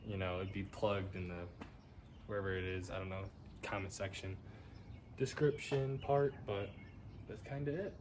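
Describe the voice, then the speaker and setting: A nineteen-year-old man rambling casually in a monotone for his vlog, tired late at night. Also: low voice, moderate pace, pauses often, background noise. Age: young adult. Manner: self-described monotone, relaxed and rambling. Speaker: vlogger.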